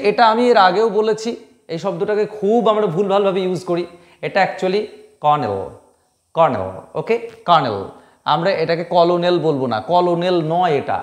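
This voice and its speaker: Man teaching pronunciation, high voice, emphatic drilling, echoey room. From Bengal. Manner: emphatic, repeats words slowly to drill them. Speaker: English teacher. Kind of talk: pronunciation lesson.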